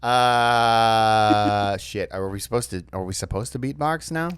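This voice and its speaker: A man co-hosts a casual gaming podcast in a very low voice. He talks in a laid-back, halting way, with lots of fillers and the odd swear. The sound is dry and close. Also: a bit bright, clean tone, dry recording. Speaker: podcast co-host. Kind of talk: casual chat.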